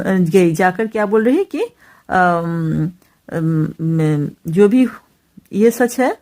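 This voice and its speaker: A woman teacher explaining a Hindi poem line by line, pausing often with fillers. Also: mid-range voice, darkish tone. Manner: hesitant, many fillers, explains each phrase.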